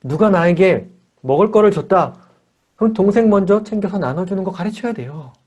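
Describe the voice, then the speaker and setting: A man's voice sits high, brisk and a little breathy, with the upper frequencies cut off as it comes over a video call. He's teaching a lively church lesson on character for children and parents, acting out small dialogues with the kids.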